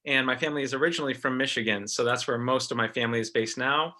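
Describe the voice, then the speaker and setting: Guy on a video call panel, bright crisp voice, upbeat and chatty, lots of ums. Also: medium pitch, fast. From American Samoa. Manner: casual and upbeat, many ums and restarts. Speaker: film teacher and panelist. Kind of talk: panel discussion, personal intro.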